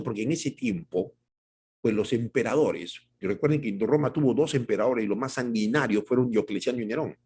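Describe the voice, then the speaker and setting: A man's voice: medium pitch, a little mellow, slightly rough. A man preaching a sermon as pastor, talking emphatically and directly to the congregation with many rhetorical questions.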